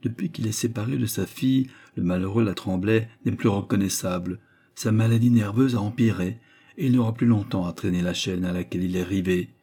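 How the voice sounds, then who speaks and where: A man narrating a classic novel at a steady, measured pace. His voice sits a little low and sounds dark and mellow, with a husky grain. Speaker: audiobook narrator.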